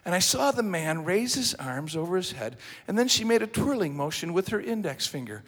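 A male preacher telling a story in a sermon, building dramatically into shouted passages. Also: sits high, sing-song, a little fast, husky, long reverb tail.

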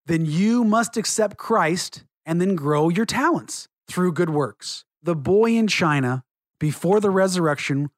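A middle-aged man giving an earnest religious testimony and teaching, measured and slowing down for emphasis. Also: high-pitched, animated, dry recording.

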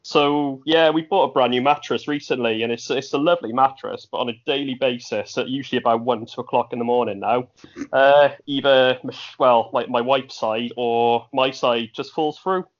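A man's voice: mid-range voice, fairly even intonation, normal speed. Welsh man chatting on a lo-fi podcast. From Wales. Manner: dry, joking, easygoing. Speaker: podcast co-host. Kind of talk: casual podcast chat. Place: bedroom at home. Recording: dull lo-fi home recording.

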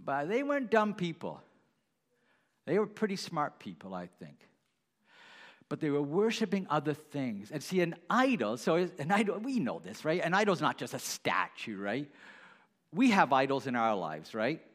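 Male pastor, sermon delivery, animated pitch, chatty, asks the room questions. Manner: conversational, asks the congregation questions, halting restarts.

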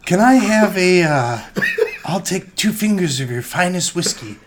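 A man voicing a polite young woman in a high, dainty put-on voice. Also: lively intonation, measured pace, slight background noise. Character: prim young woman on a horse.

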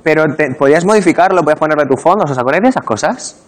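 A man in his twenties from Murcia, a guest on a talk show, telling stories in a lively, casual way. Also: fairly high pitch, racing. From Murcia, Spain. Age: 20s. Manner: animated storytelling. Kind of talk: casual chat.

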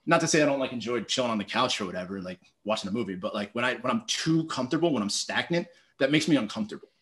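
Talking very fast at a medium pitch, this thirty-something public speaking teacher appears as a guest on a casual podcast interview. He's lively and full of stories, dramatizing what he was thinking and saying "like" constantly.

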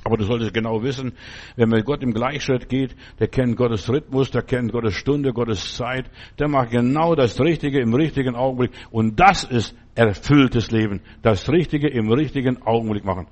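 A male preacher giving a folksy, conversational sermon with big swings in pitch and frequent asides asking whether the listener follows. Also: normal speed, darkish tone.

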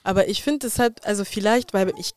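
A podcast co-host in a casual chat, thinking aloud with pauses and fillers. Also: mid-range voice, smooth, no echo. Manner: thoughtful, hesitant with fillers.

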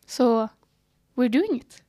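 Teenage girl, podcast co-host, excitable, high-pitched, dry close sound. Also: no room sound. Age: teens. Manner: excitable storyteller, acts out her own reactions, swears casually. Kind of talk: casual chat.

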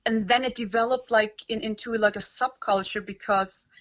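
Chatty coach with dull lo-fi audio. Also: female voice, a little high, steady tone, moderate pace, fairly bright tone. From born in Romania, raised in Germany. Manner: chatty, frequent "like" fillers. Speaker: guest, personal development coach. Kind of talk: casual interview chat.

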